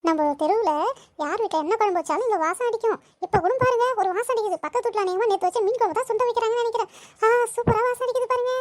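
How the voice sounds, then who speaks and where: Someone voicing a squeaky cartoon girl vlogger. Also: racing, no room sound, studio quality. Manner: chatty, boastful. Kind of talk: comic home-tour vlog narration.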